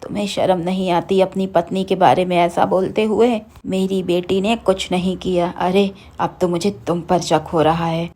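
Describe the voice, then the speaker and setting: A woman's voice: lowish voice, steady tone, normal speed, few pauses, lightly acted. A woman voicing a worried, protective middle-aged aunt in a cartoon horror story, pleading and scolding by turns. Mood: indignant. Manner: pleading, then sharp and scolding.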